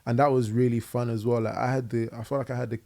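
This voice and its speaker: A young guest musician with a London accent talks casually in a podcast interview, loaded with fillers and "innit." He speaks fast at a medium pitch with little movement, his tone a little mellow. It's captured on a living room podcast set via a boom mic on an arm.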